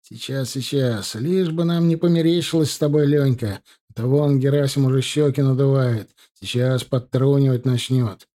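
A man reading as a steady young dragoon corporal. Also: mid-range voice, moderate pace, close to an everyday voice. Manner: firm, commanding.

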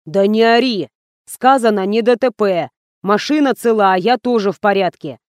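Woman voicing a rough middle-aged male driver, mumbling, grumbling, dry sound. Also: mid-range voice, moderate pace, no echo, close to an everyday voice.

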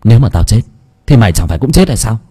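A man's voice: on the low side, sing-song, fast, dark tone, husky, long reverb tail. A man voicing a troubled young student. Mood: defensive. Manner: defensive, strained.

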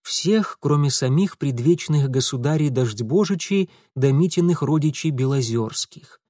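Brief: male reader, audiobook, animated pitch, dry close mic. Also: unhurried, no room sound. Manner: expressive storytelling. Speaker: narrator. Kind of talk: audiobook narration.

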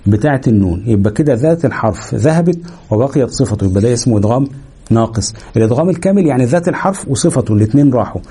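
Husky, dark-voiced Egyptian man teaching. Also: mid-range voice, lively intonation. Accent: Egyptian Arabic. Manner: slows down to demonstrate sounds, stretching the nasal hum. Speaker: Quran recitation teacher. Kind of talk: explanatory lesson.

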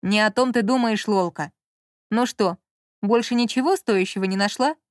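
A woman's voice: mid-range voice, normal speed, dry recording, clean studio sound, close to an everyday voice. A woman reading an audiobook and voicing a curt, impatient man who scolds and teases his partner. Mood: dismissive. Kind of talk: audiobook character voice.

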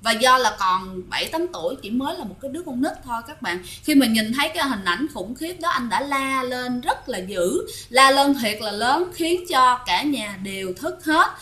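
A woman's voice: high-pitched, lively intonation, normal speed, few pauses, pushed and bright. A woman telling ghost stories in a chatty way, often speaking straight to her listeners. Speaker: ghost story narrator. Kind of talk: casual storytelling to listeners.

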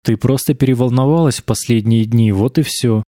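A man voicing a male lecturer who speaks gently and quietly, calming a distressed girl. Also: mid-range voice, fairly quick, no room sound, clean studio sound, close to an everyday voice. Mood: soothing. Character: male lecturer, soothing then strangely intent.

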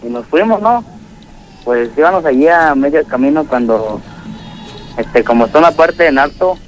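A young man with a Mexican accent calling a radio show to tell a ghost story, rambling and halting with many fillers. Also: a little high, animated, faint music behind, poor audio. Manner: rambling, halting, full of "pues" and "¿no?". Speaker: caller.

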